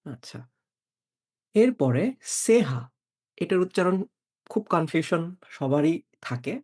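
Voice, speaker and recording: A man teaching a beginner German lesson, patiently explaining and slowly repeating example words. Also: on the high side, lively intonation, a little mellow.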